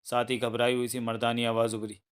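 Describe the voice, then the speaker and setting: A man reading a thriller novel aloud as an audiobook narrator, in a steady storytelling manner. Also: medium pitch, a little fast, smooth.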